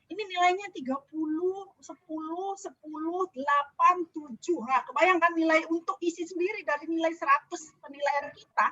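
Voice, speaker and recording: High bright-voiced woman trainer on a call. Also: no echo. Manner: chatty, asks the class questions, laughs easily. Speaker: trainer giving feedback. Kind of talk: online class feedback. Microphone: video call. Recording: dull lo-fi video call audio.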